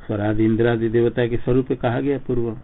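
A man teaching scripture, reading Sanskrit phrases aloud and then explaining each one slowly in Hindi. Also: mid-range voice, level tone. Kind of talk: line-by-line commentary on a Sanskrit text. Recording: tinny phone-like recording with faint noise.

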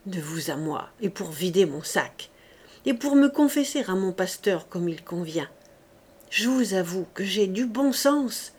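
A woman's voice: mid-range voice, a little mellow. Boisterous old senator, mocking and self-satisfied, put on by a woman narrator in a storybook reading. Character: jovial worldly old male senator, mocking.

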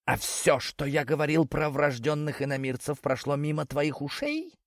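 A man voices a hot-tempered male friend, pitching the voice on the high side, above his own natural voice, with lively intonation and a moderate pace. The recording is dry and of studio quality.

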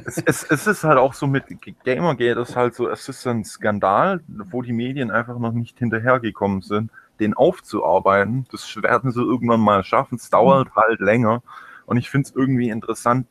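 A man's voice: medium pitch, fairly bright tone, dry recording. A man co-hosting a casual political chat show, talking with hesitant, stammering restarts. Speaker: podcast co-host.

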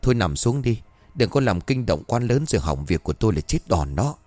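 A man voicing a greedy, scheming old village landlord who covers his fear with gruff bluster. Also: lowish voice, very animated, a little fast, dark tone, no room sound.

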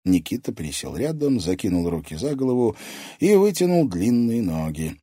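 A man's voice: lowish voice, very animated, normal speed, warm tone, no echo, clean studio sound. A man narrating a fantasy novel as an audiobook reader, telling it dramatically. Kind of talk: scripted narration.

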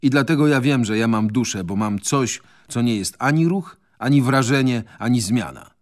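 A man's voice: medium pitch, animated, moderate pace, lightly acted. A man voicing a proud, easily offended young German man in a radio reading of a novel. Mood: earnest. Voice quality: earnest, indignant.

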